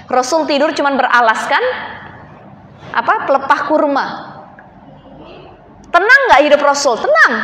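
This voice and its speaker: A woman's voice: very high voice, bright, forceful tone. A woman religious teacher, giving a chatty sermon to women in a mosque and often calling them "Bu". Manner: chatty, addresses audience as Bu. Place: mosque hall. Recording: echoey mosque hall.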